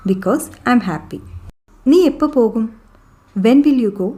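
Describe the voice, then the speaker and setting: Slow, mellow-voiced woman teaching English phrases. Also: fairly high pitch, lively intonation. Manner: slow, deliberate, repeats each English sentence twice. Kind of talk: bilingual phrase drill lesson.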